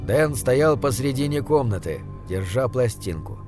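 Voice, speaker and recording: A man reading a story aloud in a measured, even storytelling manner. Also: mid-range voice, soft background music. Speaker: audiobook narrator. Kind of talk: scripted narration.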